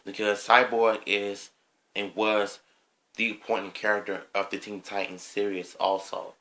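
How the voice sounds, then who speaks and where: Slow, hesitant man with a bright voice. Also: fairly low pitch, level tone. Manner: slow, hesitant, with frequent ums and throat clearing. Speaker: vlogger. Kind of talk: opinion vlog monologue.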